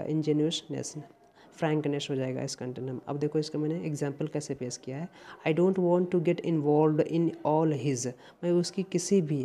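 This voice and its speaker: A man's voice: on the high side, mellow. A man teaching vocabulary, explaining patiently and repeating each word to drill its pronunciation.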